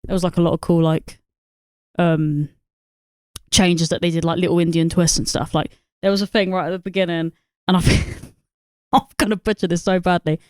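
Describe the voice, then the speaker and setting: A woman's voice: on the low side, fairly even intonation, normal speed, pauses often, darkish tone, no echo, studio quality. Rambling sweary woman chatting films. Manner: rambling, sweary, lots of fillers and laughs. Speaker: podcast co-host. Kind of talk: casual film review chat.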